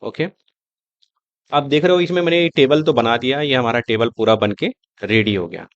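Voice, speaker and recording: Man, coding tutor, conversational step-by-step explaining, middle pitch, dry close sound, slightly dull mic. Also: moderate pace, dry recording. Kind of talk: screen-recorded coding tutorial.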